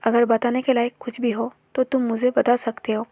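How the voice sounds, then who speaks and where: A woman's voice: a little high, level tone, moderate pace, mellow, no echo. A woman reading the lines of a loyal, caring male friend plainly within her story narration. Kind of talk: narrated fan-fiction retelling.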